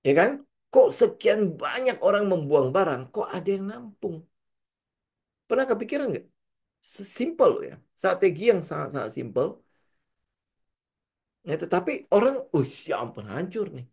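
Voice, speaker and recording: Animated man coaching on trading. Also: high voice, normal speed, creaky, pauses often, husky. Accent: Indonesian, Jakarta slang. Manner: animated, asks rhetorical questions and acts out traders' voices. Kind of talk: casual trading lesson.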